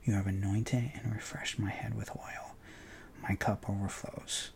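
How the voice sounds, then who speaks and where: A man leading a guided contemplative prayer session, talking softly in a hushed whisper with long pauses and relaxed, informal asides. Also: on the low side, creaky. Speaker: prayer leader.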